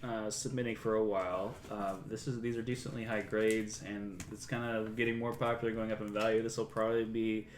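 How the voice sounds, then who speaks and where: A man's voice: fairly low pitch, level tone, a little fast, hardly any pauses, reverberant, slight background noise. A man hosting a casual chat, rambling with plenty of ums and likes. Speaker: host. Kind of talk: casual chat about comic collecting.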